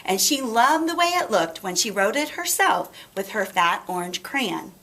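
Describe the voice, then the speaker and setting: Animated woman reading a children's story. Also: medium pitch, normal speed. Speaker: storybook reader. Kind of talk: expressive children's read-aloud narration.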